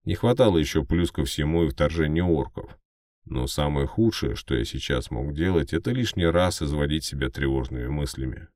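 Very deep-voiced male audiobook narrator. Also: animated, moderate pace, a little mellow, no room sound, studio quality. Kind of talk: scripted first-person fiction narration.

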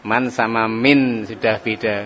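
A man teaching an Arabic grammar lesson to a class, drawing out each phrase slowly as he drills it. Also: on the low side, steady tone, fairly bright tone. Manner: slow, drawn-out drilling of phrases. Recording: dull lo-fi recording with long reverb.

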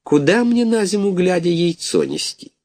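A gloomy, worried old mother goose from a storybook, whining about her troubles, voiced by a man. The voice sits well above his normal pitch. The recording is close and dry. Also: expressive, moderate pace, darkish tone, dry recording. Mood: fretful.

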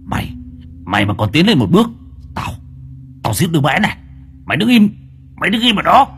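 A man's voice: deep voice, lively intonation, a little fast, a bit bright, soft background music, pitched below the performer's own voice. A man voicing a demon-possessed husband who snarls threats and stammers when afraid in an audio storybook. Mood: threatening.

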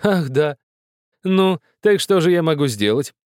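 A jovial old gentleman dandy in a storybook reading, his voice raised high above the reader's own and pushed louder, teasing and full of laughter, as a male narrator puts him on. The sound is dry and close. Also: animated, unhurried, dry recording. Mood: amused. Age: older. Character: cheerful old dandy mine manager, joking.

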